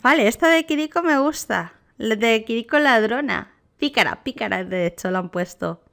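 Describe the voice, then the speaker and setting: A woman with a Spain Spanish accent, a gaming youtuber giving casual, excitable reaction commentary. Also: a little high, normal speed, vocal fry. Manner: excitable, gushing exclamations.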